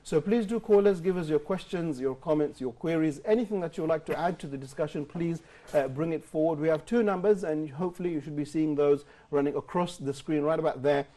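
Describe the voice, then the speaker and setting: Measured male talk show host, mellow. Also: a little high. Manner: clear, measured, emphatic questions. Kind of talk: live studio talk show hosting. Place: television studio.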